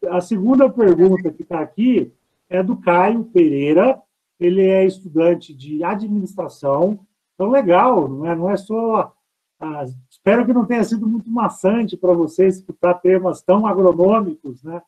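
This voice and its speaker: High-voiced Brazilian professor on tinny headset mic. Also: male voice, normal speed, a little mellow. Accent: Brazilian Portuguese. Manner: explains step by step, asks himself rhetorical questions. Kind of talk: online lecture answering audience questions.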